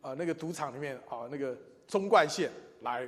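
A man, preaching and telling his own testimony, moving between loud emphatic lines and quiet asides. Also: a little high, animated, brisk. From Taiwan. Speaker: church speaker. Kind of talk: sermon with personal testimony. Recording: long reverb in a large hall.

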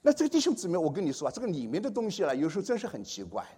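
A man preaching a testimony sermon, telling a story and acting out the dialogue with big swings in pitch and loudness. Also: huge pitch swings, very fast, breathy edge.

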